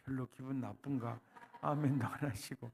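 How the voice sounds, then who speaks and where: A male pastor preaching a revival sermon, leading the congregation in call-and-response and swinging from soft lines to loud cries. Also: medium pitch, steady tone, moderate pace, creaky, slight background noise. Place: church sanctuary.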